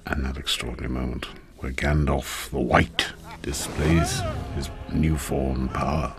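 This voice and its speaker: A man's voice: a bass voice, little pitch movement, unhurried, music in the background. A man giving film commentary, praising the set with emphatic admiration.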